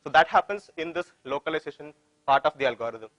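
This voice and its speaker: A man's voice: fairly high pitch, lively intonation, fast, fairly bright tone, no room sound, highs cut off. A man with an Indian accent giving an informal technical presentation, often repeating phrases and posing questions that he answers himself. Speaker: tech conference presenter.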